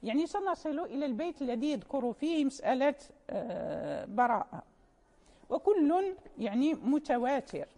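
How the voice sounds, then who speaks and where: A woman's voice: high voice, sing-song, normal speed, mellow, big-room sound. A woman teaching Quran recitation in an informal classroom lecture, patiently explaining and quoting verses and poem lines in a chanting lilt.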